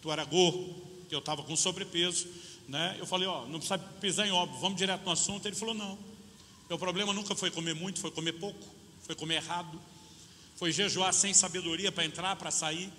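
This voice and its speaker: A Brazilian man in his fifties preaches a sermon with a Brazilian Portuguese accent, his voice high and bright. He tells the story as a preacher does, acting out each side of a conversation and slowing down on the key words. The sound is a long, reverberant hall with a faint hiss behind it. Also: fairly even intonation. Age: 50s. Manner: storytelling preacher acting out both sides of a dialogue. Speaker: pastor.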